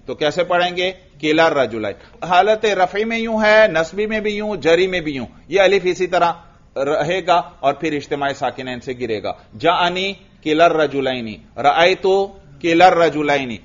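A man with a Pakistani Urdu accent delivers a grammar lecture in a fairly high voice. He drills his class with questions he answers himself and recites Arabic examples slowly. The recording is dull and lo-fi.

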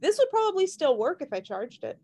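A woman's voice: high-pitched, big pitch swings, fairly quick, dark tone. A woman hosting a podcast, chatting casually, rambling with frequent laughs and restarts. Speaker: podcast host. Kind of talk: casual chat.

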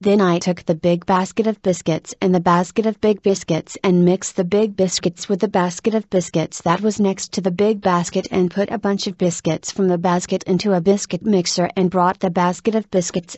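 A woman reading scripted tongue twisters aloud with careful, deliberate articulation. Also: on the low side, fairly even intonation, dark tone, dry recording.

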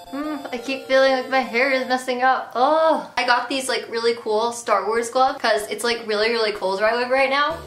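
A young woman with a slightly deep yet somewhat bright voice chats through a casual haul video while a little under the weather. Bubbly and rambling, she leans on "like" and "really," recorded by a camera mic across a bare-walled small bedroom with roomy echo and some distance.

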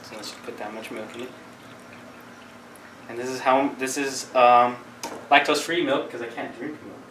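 A young man hosting a home cooking video, joking about himself in a casual, excitable chat. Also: medium pitch, normal speed. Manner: goofy, self-mocking, excitable. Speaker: host cooking. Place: home kitchen. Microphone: camera across the room. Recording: echoey kitchen, distant camera, noisy.

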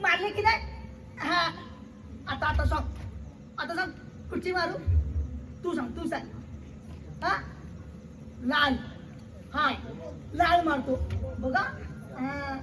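A man's voice: very high-pitched, slow, long pauses, background noise. A male performer playing a small boy whose mother has died, in a solo stage monologue, calling out in short, repeated childlike phrases. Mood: playful. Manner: childlike, repetitive, calling out insistently. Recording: roomy hall with music behind.

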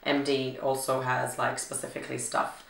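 Hoarse, chatty young woman vlogger. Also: extremely low pitch, normal speed, distant mic, slight background noise. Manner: chatty and excitable, many fillers. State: hoarse from illness, low gravelly voice. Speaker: beauty vlogger. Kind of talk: casual vlog chat. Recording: echoey room, mic set back.

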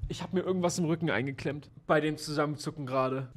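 A man's voice: a little high, fast talker. A man commentating a horror game in a let's-play, jumpy and jokey, yelping and exclaiming often. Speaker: gamer. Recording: voice over game music.

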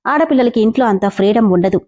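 A woman doing a soft-spoken, easily hurt young woman in love, high and pleading, warm tone. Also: lively intonation, fast. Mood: indignant. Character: young woman in love, timid, tearful, devoted daughter.

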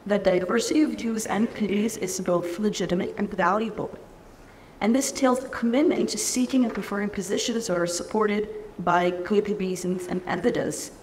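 A woman from Israel giving a keynote lecture at a lectern in a large conference hall, speaking in a measured, earnest way. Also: medium pitch, slight background noise. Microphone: lectern microphone. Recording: reverberant hall, faint ambience.

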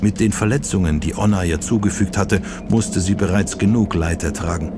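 Low-voiced man narrating a dark audiobook. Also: moderate pace, noisy background. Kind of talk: scripted narration.

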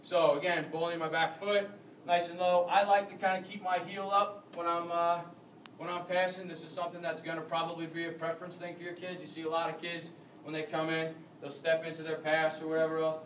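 A young American man runs a rugby demonstration clinic, explaining technique as he moves through the moves in a large carpeted conference room, surrounded by a standing crowd. His slightly high, bright voice is level and fairly quick. Shot on a phone camera from across the room, the audio is distant, roomy and echoey with slight background noise.

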